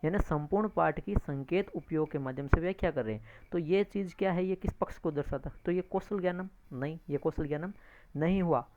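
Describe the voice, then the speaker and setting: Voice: mid-range voice, brisk, noisy background. A teacher going through exam answers step by step. The teacher keeps addressing listeners as friends, repeats points and adds frequent tag questions. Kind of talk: exam-prep lecture, explaining answers. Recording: dull lo-fi recording.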